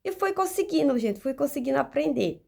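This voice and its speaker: A woman's voice: high voice, expressive, a little fast, vocal fry, darkish tone. A young adult woman with a Brazilian Portuguese accent, chatting casually to camera in a vlog, with frequent restarts and asides to her viewers. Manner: chatty, many restarts and fillers, addresses viewers as "gente". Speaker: language-learning vlogger.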